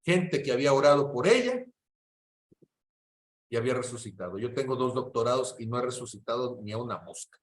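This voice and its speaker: A man's voice: medium pitch, lively intonation, brisk, reverberant. A middle-aged man teaches a church class. He tells stories with animation and keeps checking in with his listeners.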